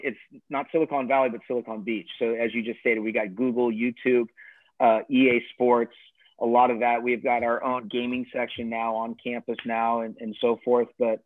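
A man's voice: medium pitch, dry recording. A man, a college tennis coach, talking casually in an interview, rambling with many fillers and restarts. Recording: dry tinny phone-like call audio.

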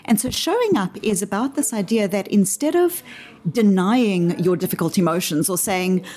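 A woman with a South African accent, answering interview questions in a measured, articulate way and using everyday examples to make her points. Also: mid-range voice, animated, warm tone. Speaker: interview guest explaining her framework.

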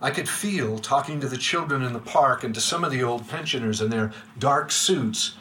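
An older American man reads a prepared reflective talk to a live audience in a room, his delivery measured and literary. His medium-pitched voice is bright and forward, sinking softly and dropping quiet at the ends of lines. A faint hum sits behind him.

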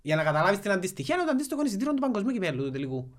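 A man with a Cypriot Greek accent, chatting casually and telling stories full of fillers. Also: sits high. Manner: animated storyteller with many fillers. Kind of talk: casual chat, storytelling.

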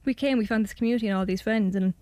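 A woman's voice: mid-range voice, rapid-fire, darkish tone, no room sound. A young Irish woman in her twenties, chatting casually as a radio guest and narrating her own documentary. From Ireland. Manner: chatty, hedging with fillers. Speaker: student documentary maker.

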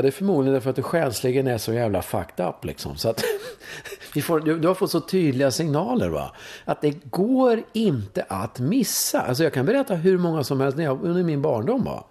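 Interview guest: Swedish man in his fifties, swings his pitch widely, chatty storyteller who keeps checking in with the listener. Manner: animated storytelling, frequent "va?" tags, swearing. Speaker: guest, course leader in sexuality and breathwork. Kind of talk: conversational interview.

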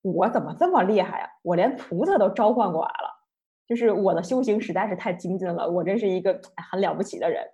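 A woman's voice: mid-range voice, lively intonation, fast, warm tone, lightly acted. A woman storyteller voicing a young monk who keeps repeating himself as he stumbles over his words. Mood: smug. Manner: stammering repetitions. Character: remorseful young monk, earnest and boastful.

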